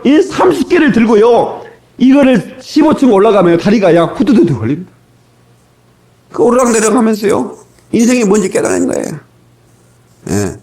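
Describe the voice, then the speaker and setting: A middle-aged male pastor preaching a sermon from an old cassette tape recording, telling stories and asking the congregation questions. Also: on the high side. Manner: animated storytelling with rhetorical questions to the congregation. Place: church sanctuary.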